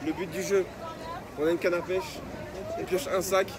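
High-pitched young man, slangy, noisy funfair. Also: flat delivery, normal speed. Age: 20s. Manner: exclamatory, repeats himself. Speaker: vlogger. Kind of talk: casual chat in slang. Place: outdoors at a busy funfair. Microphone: phone at arm's length. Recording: noisy outdoor fairground with crowd.

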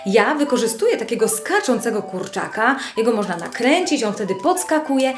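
A woman's voice: on the high side, big pitch swings, normal speed. A woman speech therapist explaining children's learning games in a friendly, instructive way, speaking directly to parents. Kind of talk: instructional video presentation. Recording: echoey room with soft music.

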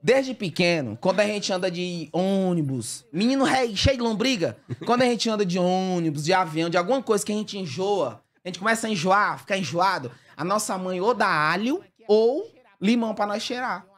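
A man's voice: high-pitched, moderate pace. A man from the Brazilian Northeast with a Northeastern accent, telling a comic story in casual, slangy talk and laughing as he goes. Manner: lively, slangy, laughs through his own story. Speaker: comedian guest telling a story.

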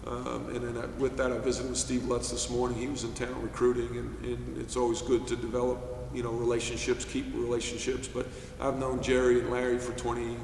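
A middle-aged man from New York, a basketball head coach answering postgame questions at a press table in a measured way, with many fillers and restarts. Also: medium pitch, monotone, gravelly, darkish tone. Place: press room, seated at table. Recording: echoey room, distant mic, faint hiss.

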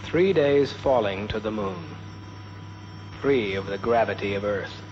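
Male narrator, rather deep, grave and measured, on muffled old film audio. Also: a little mellow. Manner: solemn, poetic, measured phrasing. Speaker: documentary narrator. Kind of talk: scripted documentary narration. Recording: dull archival film sound, noisy hum.

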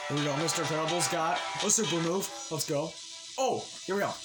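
A man hosting a gaming channel, giving eager gameplay commentary, pleading and cheering at the game, then closing with a channel pitch. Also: a little fast. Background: loud game music.

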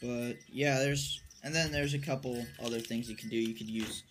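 On an outdoor covered wooden porch, a young adult amateur angler of late teens or early twenties gives an unscripted show-and-tell of his tackle. Intonation stays fairly even as he talks in a halting, low-key way, trailing off while handling items. A phone or camera at arm's length records it, with noticeable outdoor background noise.

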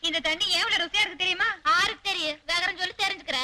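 An actress playing a cheeky young village woman in her twenties or so who fires back quick, mocking comebacks. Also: extremely high pitch, very noisy. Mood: sassy.

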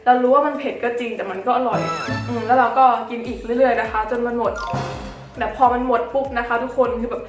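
High-voiced woman chatting in a roomy space. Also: little pitch movement, fast, over music. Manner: conversational, often checks in with viewers. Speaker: host of a food challenge vlog. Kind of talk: casual chat to viewers. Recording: roomy echo.

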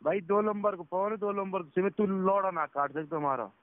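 On a tinny phone recording, a driver describes how he was scammed, going over it repetitively in an agitated, casual way. His voice is high-pitched with fairly even intonation and a moderate pace.

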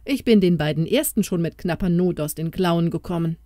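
A woman's voice: on the low side, brisk, mellow, no room sound, clean studio sound, lightly acted. A woman voicing a young lad on a quest in a fairy tale, sighing and doubting as he speaks. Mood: wary, doubtful.

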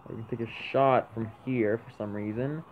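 A young man giving excited commentary over a mobile basketball game he plays, often bursting out at big plays. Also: mid-range voice, brisk. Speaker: gaming YouTuber. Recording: tinny lo-fi mic with faint noise.

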